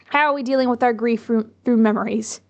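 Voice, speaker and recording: A woman's voice: on the high side, steady tone, a little fast, darkish tone, dull audio. A young woman commenting on a story game in a chatty, self-mocking way. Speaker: gaming YouTuber.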